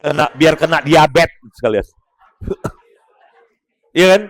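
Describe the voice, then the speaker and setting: A man's voice: fairly high pitch, takes it slowly. A man giving a humorous religious motivational talk, joking with his audience and coaching them one by one. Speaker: motivational speaker.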